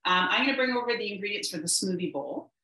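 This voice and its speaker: A woman's voice: mid-range voice, animated, fast talker, pushed and bright. A woman presenting a live cooking demo from her home kitchen, chatty and upbeat with frequent ums. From Canada. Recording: roomy kitchen echo.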